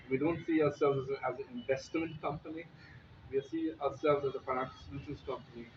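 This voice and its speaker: A man, an insurance executive, giving a measured, formal speech at a signing ceremony. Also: mid-range voice, far from the mic, highs cut off, slight background noise. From Pakistan.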